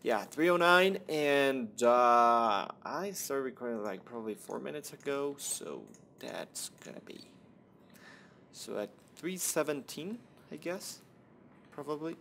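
Slight background noise accompanies a young man's casual Minecraft commentary, in which he rambles, swears and mutters to himself while building. His medium-pitched voice is creaky and sharp, slow-paced yet lively in intonation.

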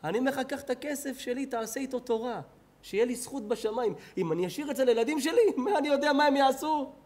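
A man, a rabbi with an Israeli Hebrew accent, preaching a sermon in a synagogue hall, swinging between loud outbursts and low murmurs.

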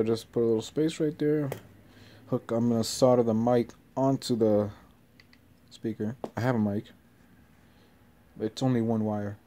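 In a small bedroom, a young man films himself on a handheld phone at arm's length, chatting in a loose, hesitant, offhand way like an amateur vlogger. His voice is mid-range and dark. Hiss is clearly audible in the noisy phone audio.

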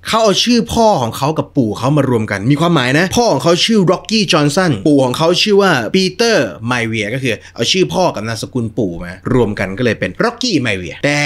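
A male host chatting casually and telling a story, with lots of excited exclamations. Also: mid-range voice. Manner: animated, full of exclamations.

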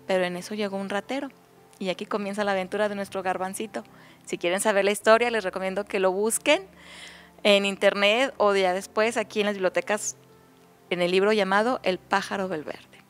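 A woman reading a folk tale aloud to viewers in a gentle, homely storytelling manner. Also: medium pitch, fairly even intonation, brisk, faint music behind.

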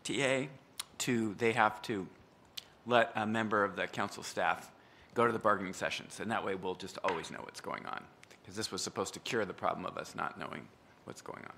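A man serving as council president, explaining an ordinance in a council meeting, halting and hedging as he talks, with the hiccups. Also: lowish voice, creaky, sharp tone, slight background noise. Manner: halting, hedging speech with restarts. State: has hiccups.

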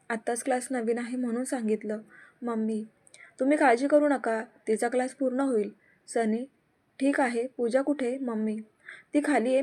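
Woman, story narrator, slightly high voice, mellow tone, steady reading of all dialogue. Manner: reads every character in one steady voice.

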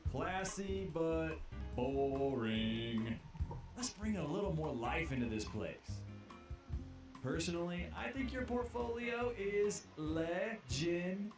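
A man's voice: a little high, lively intonation, slow pace. An actor voicing a brash, dismissive male client in a video game, talking in a smug, showy way. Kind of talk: game character voice-over. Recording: roomy sound over loud music.

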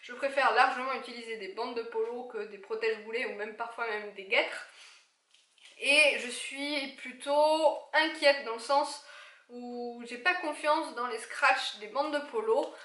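A woman's voice: fairly high pitch, unhurried, pushed and bright. A woman in her thirties chatting casually through a product haul vlog, with lots of fillers and restarts. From France. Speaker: equestrian YouTuber. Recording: echoey room.

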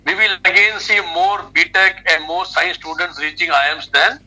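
A man's voice: high voice, moderate pace, pushed and bright, rough recording. A middle-aged man with an Indian accent explaining things emphatically as an expert guest on a phone video call. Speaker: expert guest, education adviser. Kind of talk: explanatory interview talk. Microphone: video call on a phone speaker.

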